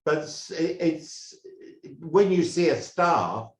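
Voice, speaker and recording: An older man from England, a former drummer, telling stories in a halting, rambling way with many restarts. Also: a little high, expressive. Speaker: guest, former band drummer. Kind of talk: casual interview storytelling. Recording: roomy echo.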